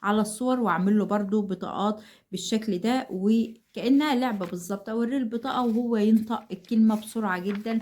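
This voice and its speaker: Fast-talking Egyptian woman tutor. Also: mid-range voice, dark tone. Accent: Egyptian Arabic. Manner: brisk, repeats simple examples, encouraging. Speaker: reading tutor advising mothers. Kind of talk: instructional talk to parents.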